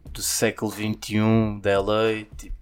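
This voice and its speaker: A man's voice: fairly low pitch, monotone, a little slow. A young adult man chats casually about rap music in a slangy, rambling, conversational way. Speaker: music podcast host.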